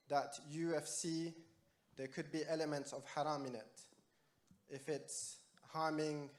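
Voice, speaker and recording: A man in a theatre audience asking a long, earnest question in formal, religious phrasing. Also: a little high. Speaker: audience questioner, former imam.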